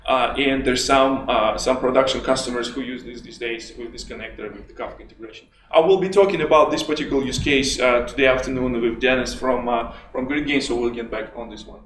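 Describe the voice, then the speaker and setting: A man with a Russian accent giving a conference talk, halting with many restarts and fillers. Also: medium pitch, fairly even intonation, a bit bright, slight background noise. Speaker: conference speaker. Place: conference hall. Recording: echoey hall from far off.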